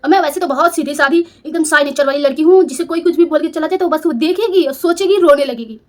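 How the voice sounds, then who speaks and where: A woman's voice: sits high, quick pace, a little mellow. A young woman telling a personal story in an emotional, confessional, self-reproaching way. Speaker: storyteller vlogger.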